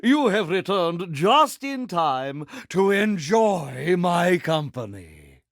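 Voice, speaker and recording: A man's voice: high-pitched, sing-song, takes it slowly, no echo, clean studio sound, exaggerated voice. A male actor playing a vain, villainous pirate captain in a video game, speaking in a pompous, grandiloquent, theatrical manner. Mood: smug, courtly. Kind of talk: video game character voice lines.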